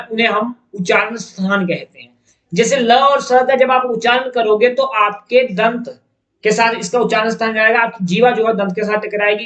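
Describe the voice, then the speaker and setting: A man teaches an exam-prep lesson, working through each question step by step and repeating key terms. His voice sits high for a man. The room is echoey. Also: fairly bright tone.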